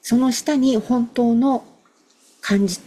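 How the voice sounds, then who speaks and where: A middle-aged woman chatting casually as a guest, telling animated stories and acting out the voices of people she quotes. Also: a little high, takes it slowly. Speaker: guest, emotional wellness practitioner. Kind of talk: casual podcast conversation.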